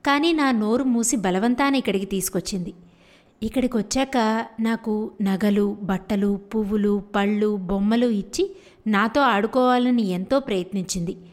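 A woman's voice: medium pitch, normal speed, natural voice. Woman doing a spellbound girl-leopard. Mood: earnest. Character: leopard that is really an enchanted, defiant girl.

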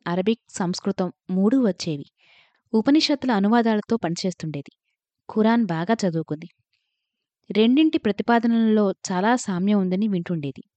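Warm-voiced woman reading a literary story. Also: mid-range voice, no room sound. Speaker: narrator. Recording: dull lo-fi, dry recording.

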